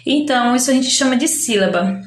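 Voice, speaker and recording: A woman's voice: high-pitched, animated, fairly quick. A Brazilian woman teaching a primary school lesson, patiently explaining and spelling out syllables. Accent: Brazilian Portuguese. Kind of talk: slow explanatory classroom lesson. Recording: echoey room.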